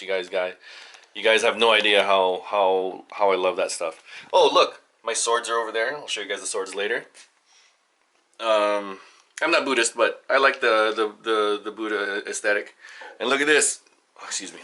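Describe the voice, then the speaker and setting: A father hosting a family video channel, casually showing off his home studio in a halting, rambling way with lots of fillers and restarts. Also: lowish voice, sharp tone. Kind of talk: casual studio tour vlog.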